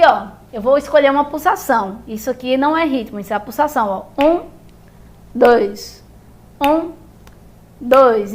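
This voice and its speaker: A Brazilian woman teaching music theory, explaining rhythm step by step and checking in often with her viewers. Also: high-pitched. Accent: Brazilian Portuguese. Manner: patient, repeats and checks in with "beleza?".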